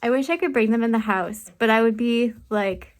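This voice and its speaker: A homesteader vlogger with a voice on the high side speaks at a moderate pace. She chats casually to her camera, laughing and sighing, while doing chores outdoors and in a chicken coop on a farm in extreme cold.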